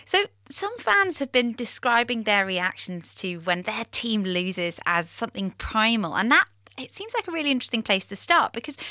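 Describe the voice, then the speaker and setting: A woman's voice: fairly high pitch, bright, forceful tone, dry recording, clean studio sound. A female radio host in London, interviewing a guest in an engaged, conversational way. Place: London studio.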